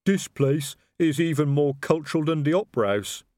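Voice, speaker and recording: A man voicing a big, slow-witted male troll who explains things earnestly in plodding, ungrammatical speech. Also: a little high, lively intonation, a little mellow, no room sound, voice pushed up, lightly acted. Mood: respectful.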